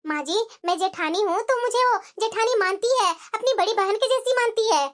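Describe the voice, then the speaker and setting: A good-natured young daughter-in-law from a family cartoon, her voice pitched very high. She answers patiently and soothingly, never raising her tone, as a woman acts her out. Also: fairly quick. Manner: patient, soft-spoken, placating. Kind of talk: cartoon voice acting.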